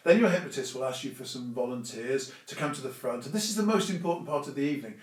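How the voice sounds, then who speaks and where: A man's voice: mid-range voice, animated, quick pace. A man gives an informal, instructive talk in an emphatic, conversational manner. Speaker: stage hypnosis presenter giving advice. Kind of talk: informal explanatory talk to camera or audience. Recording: echoey room, distant microphone.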